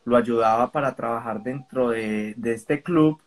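A caller on a live stream, a man with a Colombian accent, gives a casual spoken account in a mid-range, unhurried voice. He comes across as polite, somewhat hesitant and roundabout.

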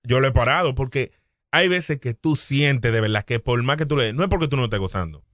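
A man's voice: medium pitch, animated, a little fast, a bit bright, dry recording, clean studio sound. A man with a Dominican accent chatting casually, telling stories with slang and quoted dialogue as a co-host. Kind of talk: casual group chat.

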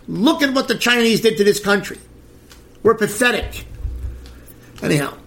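A man's voice: sits high, fairly bright tone. A middle-aged man hosting a podcast, ranting about celebrity gossip in a crude, sarcastic way. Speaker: podcast host. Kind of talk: blunt celebrity gossip commentary.

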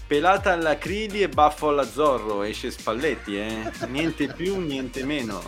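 A man's voice: fairly high pitch, expressive, a little slow. Man putting on an indignant, blunt football coach. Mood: sardonic. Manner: stammers into emphatic repeated phrases. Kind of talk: improvised parody interview on a comedy stream. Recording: music clearly behind the voice.

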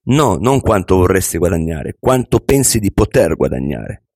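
A man voicing a wise, calm older millionaire who patiently teaches a young man, read as an audiobook. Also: fairly low pitch, breathy edge, dry recording, studio quality. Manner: patient, measured, instructive. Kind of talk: audiobook reading.

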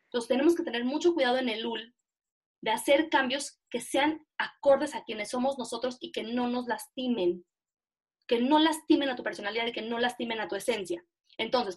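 Young Mexican woman teacher, Mexican Spanish accent, high bright voice, animated and self-mocking, on a video call. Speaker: teacher leading an online class. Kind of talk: casual online lesson.

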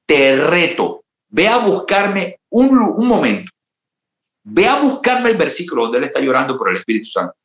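Passionate pastor preaching. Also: male voice, fairly high pitch, wildly swooping pitch, normal speed, fairly bright tone. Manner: impassioned preaching, acting out quoted voices. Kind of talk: sermon. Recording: roomy, slightly dull sound.

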